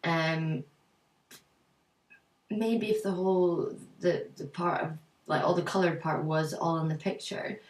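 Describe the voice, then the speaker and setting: A woman's voice: low-pitched, fairly even intonation, measured pace, pauses often. A woman co-hosting a casual photo critique, giving her views with many ums and likes. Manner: hesitant, lots of ums and likes. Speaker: co-host. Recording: roomy, mic at a distance.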